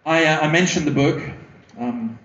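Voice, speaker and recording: A man's voice: a little high, moderate pace, a bit bright. A Scottish man giving an earnest evangelistic talk, pleading with wry humour. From Scotland. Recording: echoey room, slightly dull sound.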